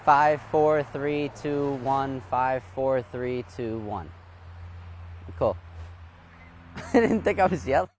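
A man doing an off-air mic check, talking loudly and casually, joking about yelling. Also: mid-range voice, takes it slowly, pauses often, a little hiss or hum.

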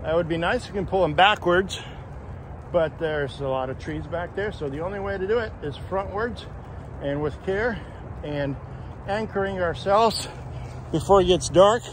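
A middle-aged tow truck driver narrating a casual vlog, explaining each step plainly with lots of "uh" fillers, recorded on a handheld phone outdoors. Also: male voice, high-pitched, normal speed. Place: outdoors on a muddy wooded hillside. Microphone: handheld phone camera. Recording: outdoor phone audio with wind and engine noise. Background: truck engines and outdoor noise.

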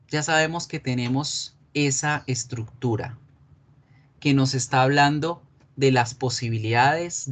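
Un hombre con acento colombiano que da una clase de inglés en línea y explica despacio, repitiendo los ejemplos. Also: male voice, medium pitch. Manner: slow, explanatory, repeats examples. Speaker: English teacher. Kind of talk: online class.

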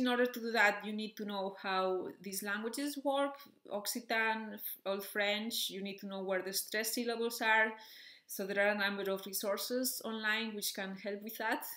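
A woman at an ordinary mid-range pitch walks the listener through a topic step by step. She has the careful, checking-in manner of a music educator. Her voice carries a noticeable room echo. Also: sharp tone. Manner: clear, methodical, with frequent "okay" and "so" check-ins. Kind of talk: explanatory video lesson.

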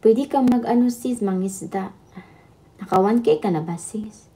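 A woman's voice: mid-range voice, unhurried, mellow. A woman hosting a casual livestream, chatting and laughing with viewers. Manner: chatty, laughing, switching between Tagalog and Visayan. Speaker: livestream host. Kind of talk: casual live chat with viewers.

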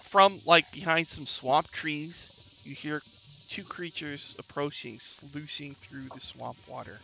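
Male game master, creaky and forceful, improvising scene description bit by bit. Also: a little high, slow pace, a little hiss or hum, low-quality recording. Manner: descriptive, piecemeal delivery. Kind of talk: improvised tabletop game narration.

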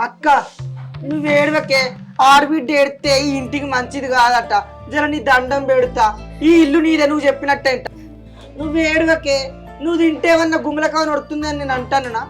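Woman as a contrite young Telangana village man in a comedy short film, high voice, begging forgiveness, music behind. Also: fairly even intonation, brisk, close to an everyday voice. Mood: pleading. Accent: Telangana Telugu. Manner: pleading, repetitive apologies. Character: young village man, sheepish brother begging his sister's pardon.

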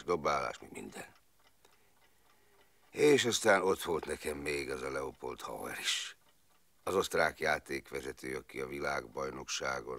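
A rueful, plain-spoken former footballer rambles through his memories in a deep, gravelly voice. His pitch swings widely as he talks, stringing clauses together with fillers. The sound is close and dry. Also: a bit bright, exaggerated voice. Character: rueful, plain-spoken man recalling wartime years. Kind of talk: film monologue.

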